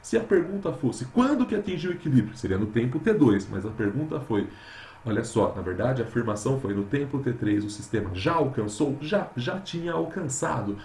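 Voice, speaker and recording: A man's voice: medium pitch, sing-song, a little fast, a little mellow, reverberant, a little hiss or hum. A man teaching chemistry with a Brazilian Portuguese accent, working through exercises and repeating key words, calling his students "meus amores". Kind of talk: recorded lesson solving exercises.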